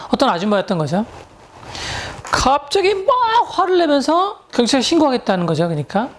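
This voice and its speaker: Chatty woman telling stories, fairly high voice. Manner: chatty anecdotes with English words mixed in. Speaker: English tutor and lecturer. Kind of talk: storytelling lecture to viewers.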